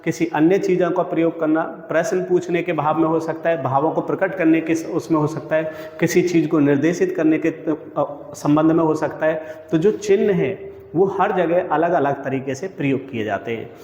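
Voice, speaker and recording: A man's voice: a little high, moderate pace, a little mellow, muffled recording. A male teacher giving an exam coaching lesson. He keeps asking a question and then answering it himself, and calls his listeners friends and brother. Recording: echoey room with long reverb.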